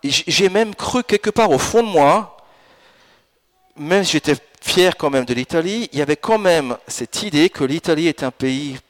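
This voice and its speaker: A pastor in his fifties preaching a sermon in a church, with an animated delivery that rises into emphatic bursts. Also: on the high side, moderate pace. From France and Italy. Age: 50s. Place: church in Alsace.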